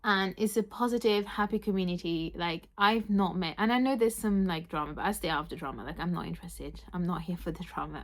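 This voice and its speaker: A young book vlogger whose first language is French chats excitedly with an accent blending French and Yorkshire, saying "like" a lot. Her voice is medium in pitch.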